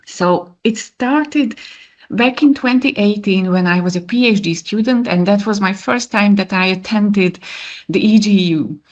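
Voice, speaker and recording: A woman's voice: medium pitch, a little slow. A woman, giving an earnest, slightly nervous webinar presentation. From Hungary. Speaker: teacher and speaker. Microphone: video call. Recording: muffled video call audio.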